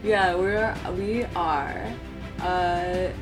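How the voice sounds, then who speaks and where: A woman's voice: lowish voice, drawn-out words, music in the background. A woman co-hosting a podcast, chatting playfully and laughing easily. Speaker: podcast co-host. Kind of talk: casual chat.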